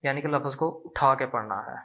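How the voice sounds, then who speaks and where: Repeating syllables as demonstrations, a Pakistani man patiently works through a language lesson at a slow pace. He has a creaky, mid-range voice, captured with lo-fi sound.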